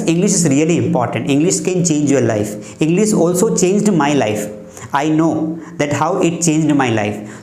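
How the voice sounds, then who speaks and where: A man's voice: fairly high pitch, dark tone, echoey room. A man hosting a spoken English channel, speaking to viewers in mixed Hindi and English and encouraging them as he goes, from a village during lockdown. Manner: encouraging, repeats "dosto" often.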